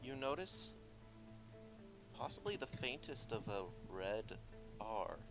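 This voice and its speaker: A man's voice: mid-range voice, very animated, slow, over music, low-quality recording. A man running a tabletop game, narrating casually with many fillers and restarts. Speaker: game master.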